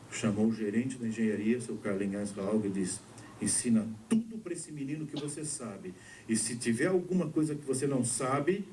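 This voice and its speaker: Telling his testimony to a congregation, a warm-voiced Brazilian pastor with a Brazilian Portuguese accent narrates and voices the people in his story, changing pitch for each. It was recorded on a distant mic with faint ambience and a little hiss or hum.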